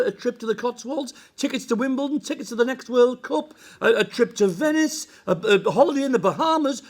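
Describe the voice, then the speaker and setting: A man's voice: high voice, creaky, heavily acted. An actor playing a boss trying to bribe his team back into trusting him. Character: blustering male boss bribing his team. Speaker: team manager.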